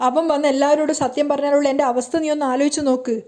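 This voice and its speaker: A woman's voice: high-pitched, little pitch movement, very fast, darkish tone, natural voice. A woman voicing a firm young female friend who scolds and advises in a serial recap, close to her own voice. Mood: urging.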